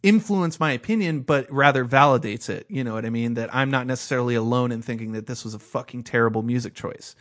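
A man's voice: mid-range voice, fast, hardly any pauses, a bit bright. A man in casual podcast chat, talking in a mid-range voice. He rants heatedly and swears freely as he argues his point. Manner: heated, profane ranting. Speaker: podcast co-host.

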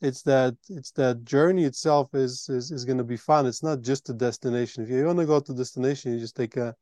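A man's voice: mid-range voice, brisk, warm tone, no echo. A man hosting a retreat, explaining earnestly in a conversational interview. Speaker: retreat host.

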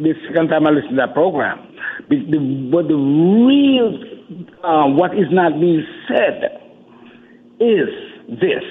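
Male caller, husky and a bit high, on a tinny phone line that rings like an echo chamber, halting delivery. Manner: halting, stumbling over words. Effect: echoey phone line with heavy reverb, like an echo chamber. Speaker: caller to a radio show. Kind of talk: phone-in call.

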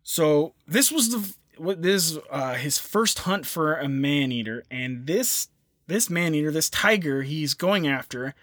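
A man co-hosting a podcast, telling a history story in a casual, animated way with quick asides and easy laughs. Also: a little high, no room sound.

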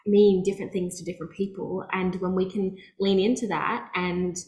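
A woman's voice: on the low side, level tone, moderate pace, dark tone, muffled recording. A woman hosting a wellness podcast, speaking in an upbeat, enthusiastic way, first in a scripted intro and then in casual conversation. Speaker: podcast host and nutritionist. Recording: roomy echo, faint music.

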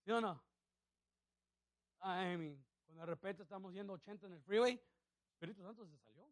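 A man's voice: sits high, a little fast, dry recording, clean studio sound. A male pastor preaching a sermon who calls out questions to the congregation.

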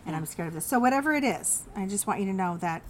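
A woman co-hosting a live podcast, gently reassuring listeners as she explains how to read cards. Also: medium pitch, expressive, fast, a little hiss or hum. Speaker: podcast co-host. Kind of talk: casual live podcast chat. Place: winery event space with live audience.

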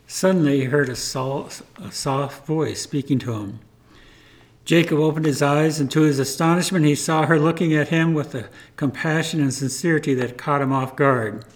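Earnest man retelling a testimony. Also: medium pitch.

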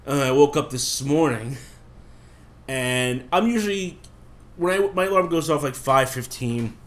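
This podcast co-host has a cough and is clearly unwell, yet he keeps up a rambling, casual conversation laced with plenty of swearing. His pitch is medium and his pace a little slow.

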